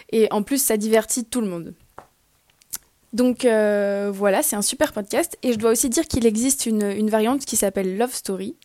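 A woman reading her regular radio column in a chatty, upbeat way, pausing on fillers now and then. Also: mid-range voice, warm tone, no room sound. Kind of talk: scripted podcast recommendation.

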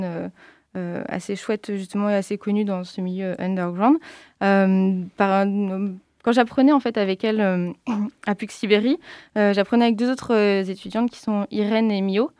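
A woman's voice: mid-range voice, a little mellow, smooth, dry recording, clean studio sound. A woman talking as a radio guest in a casual interview, hesitant and full of fillers.

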